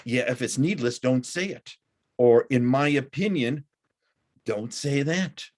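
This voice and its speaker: Slow, deliberate male college lecturer. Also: medium pitch, a little mellow. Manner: slow, deliberate delivery with frequent "uh" fillers. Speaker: college instructor. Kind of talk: recorded lecture.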